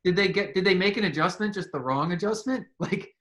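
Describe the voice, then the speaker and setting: A man's voice: high-pitched, a bit bright. Chatty man hosting sports talk. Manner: chatty, laughs often, quick asides. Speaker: host. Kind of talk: casual sports debate.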